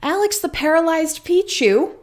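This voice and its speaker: A woman's voice: extremely high pitch, animated, moderate pace. A woman voicing a composed adult goddess who reads out audience questions in a theatrical, swooping way. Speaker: in-character Q&A host. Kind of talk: in-character fan voice acting Q&A.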